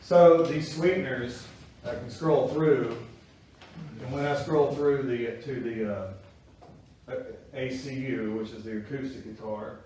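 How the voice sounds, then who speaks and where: A man's voice: medium pitch, a little mellow, recorded from a distance, slight background noise. A man teaching a guitar-making class to a small group, explaining things in a folksy, chatty way. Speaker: guitar-building instructor. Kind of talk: casual workshop class talk. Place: workshop classroom with students. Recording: echoey room recorded from afar.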